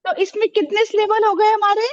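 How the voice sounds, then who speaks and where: A woman's voice: extremely high pitch, level tone, fairly quick, muffled recording. A woman teaching a classroom, asking the pupils questions and repeating their answers with encouragement.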